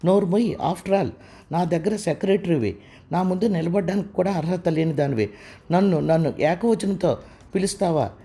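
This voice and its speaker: Cruel blackmailer, menacing and bossy, high mellow tone, man reading him. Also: normal speed. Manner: menacing, commanding. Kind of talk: audiobook character reading.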